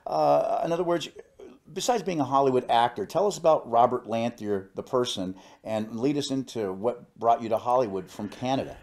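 An older man hosts a casual interview, stumbling through introductions with plenty of fillers and quick, eager reactions. His tone is mellow and dark, and the studio around him rings with noticeable room echo. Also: mid-range voice. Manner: halting, filler-heavy introductions with enthusiastic interjections. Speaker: interview host. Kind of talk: casual talk-show hosting. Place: indoor studio set, seated.

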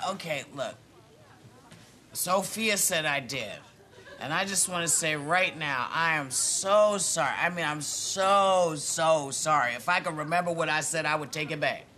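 An actress playing a blunt, brash, wisecracking woman with a deadpan manner in a sitcom. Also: deep voice, unhurried, pauses often, heavily acted. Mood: sheepish. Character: blunt, brash, hungover hotel-owning woman. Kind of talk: multi-camera sitcom acting. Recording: noisy TV soundtrack with loud studio audience.

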